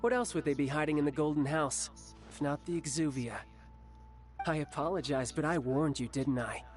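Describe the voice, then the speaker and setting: An actor playing a charming, cocky young soldier who talks in a breezy, smooth and playful way. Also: male voice, on the high side, moderate pace, faint music behind, lightly acted. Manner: breezy, laughing, smooth talk.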